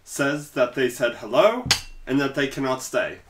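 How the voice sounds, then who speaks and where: An easygoing man co-hosting a casual show, speaking at a middle pitch for his voice. He explains things patiently and teases his co-host now and then. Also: big pitch swings, unhurried, noisy background. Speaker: podcast co-host. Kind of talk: casual chat.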